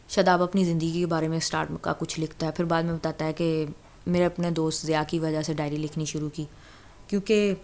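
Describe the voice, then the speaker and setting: A woman's voice: sits low, darkish tone. A woman casually retelling a novel's plot as a storyteller, talking in a loose conversational way with fillers and restarts.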